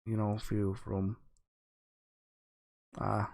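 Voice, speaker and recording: A man's voice: on the low side, little pitch movement, creaky, a little mellow. A man hosting a livestream, chatting casually with his viewers, joking and restarting his sentences as he goes. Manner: rambling, joking with chat, halting restarts. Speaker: livestream host giving art critique.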